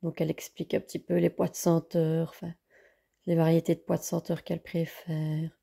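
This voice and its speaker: A woman's voice: low-pitched, completely flat delivery, brisk, creaky, warm tone, breathy edge. A woman vlogger casually reviewing books, hesitant with many fillers.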